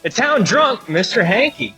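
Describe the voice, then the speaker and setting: A man voicing an excitable puppet host, announcing a talent show like a big showman. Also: sits high, measured pace, faint music behind, heavily acted. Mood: excited.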